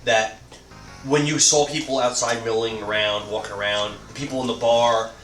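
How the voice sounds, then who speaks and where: A man's voice: medium pitch, steady tone, moderate pace, a bit bright, recorded from a distance. Man running a game in an echoey room. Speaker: game master. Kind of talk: casual tabletop game narration. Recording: roomy, off-mic, music behind. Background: music.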